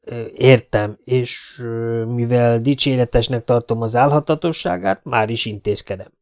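A man's voice: mid-range voice, darkish tone, natural voice. A man voicing a formal, hesitant male army captain in an audiobook. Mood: polite. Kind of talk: audiobook character voice.

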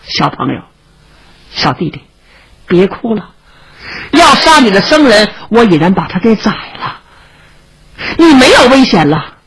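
A woman voicing a kind, chatty young male swordsman who coaxes and brags, with a raspy voice. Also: on the high side, very animated, normal speed, a bit bright, a little hiss or hum, poor audio. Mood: coaxing. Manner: coaxing, chatty, a bit boastful.

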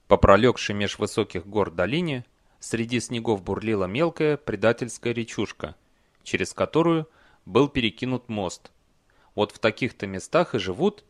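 A man reading a fantasy story aloud as audiobook narrator, measured and even. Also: on the low side, no room sound, studio quality. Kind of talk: scripted narration.

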